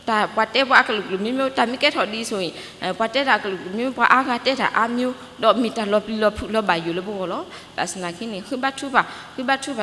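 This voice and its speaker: A woman's voice: medium pitch, a bit bright. A woman giving a church talk, speaking steadily and plainly. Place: church hall. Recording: reverberant church hall, faint noise.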